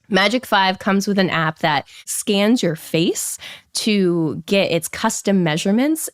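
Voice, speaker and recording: A woman hosting a business podcast, her voice raspy from a cold, chatty and quick to laugh. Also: lowish voice, dry recording, studio quality. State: has a cold. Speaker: podcast host. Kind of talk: casual podcast chat.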